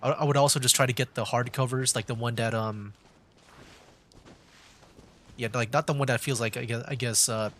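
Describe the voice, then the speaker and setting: This young streamer's game commentary is casual and unsure, looping back over the same words as he rambles. His mid-range voice stays steady at a moderate pace, broken by long pauses, over game music and slight background noise.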